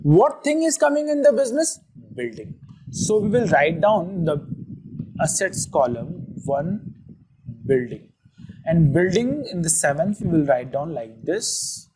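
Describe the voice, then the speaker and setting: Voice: medium pitch, big pitch swings, unhurried, mellow, slightly rough, poor audio. A teacher with a North Indian accent explaining a lesson step by step, posing questions and answering them, often repeating phrases. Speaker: accounting teacher.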